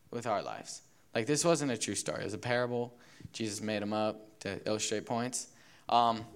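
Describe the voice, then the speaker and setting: A young man gives a casual sermon with a smooth, resonant voice at an ordinary pitch. He talks in a loose, filler-heavy way, like he is chatting with a youth group. He slips into little character voices to tell a story. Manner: relaxed, filler-heavy, acts out characters in a parable. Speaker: youth speaker.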